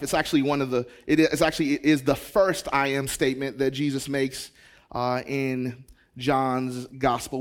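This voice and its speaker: A young adult man from Zambia, a pastor talking energetically to his congregation during a sermon. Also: medium pitch.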